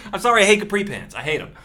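Podcast co-host, male, bright tone, teasing and profane, faint room hum behind. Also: high-pitched. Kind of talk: casual podcast banter.

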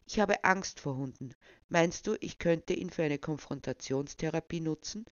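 A man's voice: fairly high pitch, moderate pace, dry recording, natural voice. A storyteller voicing a shy young man who is afraid of dogs and speaks hesitantly and earnestly, on a dull, dry recording.

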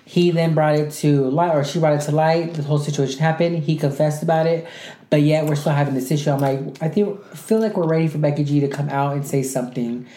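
Low-voiced opinionated woman, echoey room. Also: fairly even intonation, quick pace, dark tone. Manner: opinionated, rambling with many fillers. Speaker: podcast co-host. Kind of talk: casual pop-culture chat.

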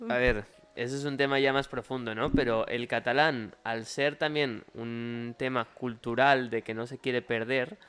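A man with a Spain Spanish accent who hosts a podcast and tells stories in a jokey, animated way. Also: medium pitch, measured pace, hardly any pauses, smooth. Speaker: podcast host. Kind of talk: casual conversation.

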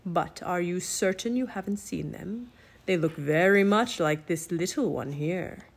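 A woman voicing a menacing half-bird, half-human king with a raspy croak and a mockingly polite manner. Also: lowish voice, a little slow, heavily acted. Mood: sinister, probing.

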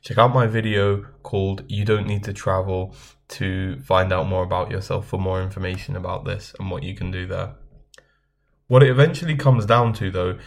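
Guy w a lowish voice doing a self-help vid, earnest, steady, talks to viewers like guys. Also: creaky. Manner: earnest, measured advice, addresses viewers as guys. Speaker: self-help video host. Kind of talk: scripted self-help talk to camera.

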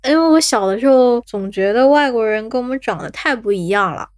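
A young woman from Shanghai chats on a podcast in a slightly high voice. She is animated and laughs often, and her pitch leaps up whenever she gets excited. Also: a little fast. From Shanghai, China. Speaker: podcast co-host. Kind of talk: casual chat podcast.

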